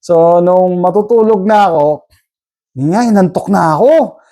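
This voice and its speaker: A man's voice: high-pitched, moderate pace, mellow. A man vlogging in casual storytelling mode, chatty and rambling, often tagging his sentences with a questioning "no?".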